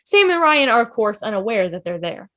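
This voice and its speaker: Over a video call, a woman reads stage directions aloud for a table read. Her voice is high and animated, her narration expressive and fairly quick.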